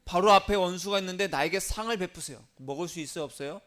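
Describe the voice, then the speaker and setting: A man's voice: sits high, fast, fairly bright tone. A man preaching a sermon as pastor, leading the congregation to repeat lines and dropping to a whisper at times. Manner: call-and-response preaching, drops to whispers.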